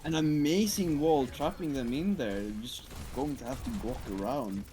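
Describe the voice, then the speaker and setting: A man calling plays in an esports match, relaxed with dry remarks. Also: fairly high pitch, normal speed, slightly rough. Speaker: esports caster. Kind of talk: play-by-play commentary.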